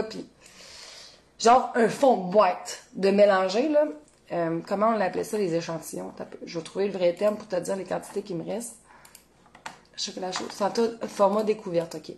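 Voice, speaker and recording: A Québécois woman hosting a cooking livestream, chatting casually and expressively, addressing viewers and reading their comments, with a casual swear now and then. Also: medium pitch. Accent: Québécois French. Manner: talks straight to viewers, reads their comments. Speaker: cooking show host.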